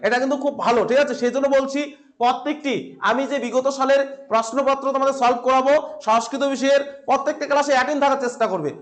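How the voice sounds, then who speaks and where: A male teacher with a West Bengal Bengali accent and a strikingly high voice leads a filmed classroom lesson. He fires questions at his students and repeats each answer for them to remember. He keeps it light with playful asides. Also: steady tone, racing. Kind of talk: classroom exam-prep lesson.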